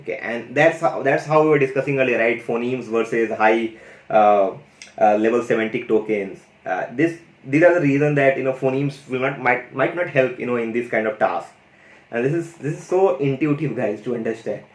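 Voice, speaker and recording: In a mid-range voice at normal speed, a man casually walks viewers through an AI audio tool by screen share, clearly excited about it. He keeps saying "guys" and "you know," and the recording has a roomy echo.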